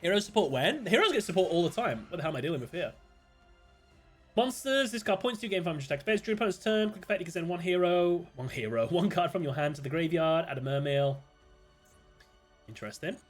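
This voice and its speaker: A British man chatting casually while streaming a card game, thinking aloud, greeting viewers and breaking into sudden excited outbursts. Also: a little high, quick pace, soft background music. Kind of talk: casual live-stream gameplay commentary.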